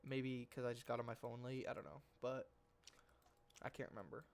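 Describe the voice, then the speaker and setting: With vocal fry, a steady tone and a fairly quick pace, a mid-range-voiced man with a stuffy nose talks through trades on his trading channel. His casual screen-share recap is slangy and rambling, keeps self-correcting, and includes mild swearing.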